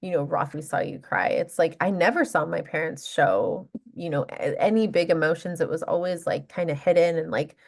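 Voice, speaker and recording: Woman, 30s, interview guest, open, reflective, somewhat low voice. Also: normal speed, hardly any pauses. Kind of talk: casual interview chat.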